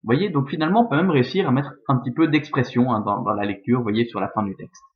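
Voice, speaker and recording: A man's voice: mid-range voice, quick pace, lo-fi sound. A man carefully explaining, step by step, how to read and scan Latin verse aloud.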